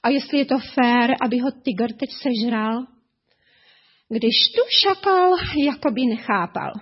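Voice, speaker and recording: A woman telling a story to children, lively and speaking to them directly. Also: fairly high pitch, breathy edge. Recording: dull lo-fi recording.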